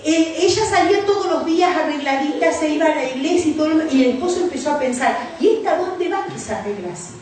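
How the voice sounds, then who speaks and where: A woman's voice: high-pitched, slight background noise. A woman pastor preaching a sermon, telling stories and acting out the voices of the people in them. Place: church hall. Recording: echoey church hall from far off.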